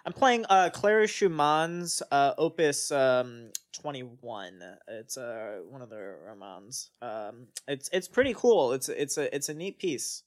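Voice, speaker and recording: Man, podcast guest, casual chat, hesitant, fillers, mid pitch. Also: slow pace, few pauses. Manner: relaxed, hesitant, many fillers.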